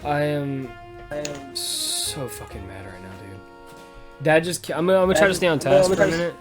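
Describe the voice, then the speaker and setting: This podcast host's voice runs on the high side, animated and fairly quick, as he chats casually. Music plays in the background as he rambles on, full of slang and frequent swearing.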